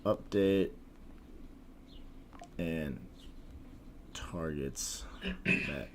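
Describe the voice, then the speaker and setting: A young man trading forex on a live stream, talking casually in slang with a husky voice like a smoker's, often mumbling and trailing off. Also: very deep voice, extremely slow, a little hiss or hum.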